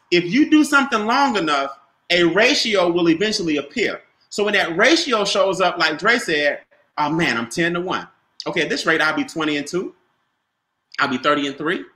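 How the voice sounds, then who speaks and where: Male business trainer, emphatic and repetitive, high bright tone, echoey call audio. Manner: emphatic, repeats key points, quizzes listeners. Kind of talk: coaching on a video call. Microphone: video call.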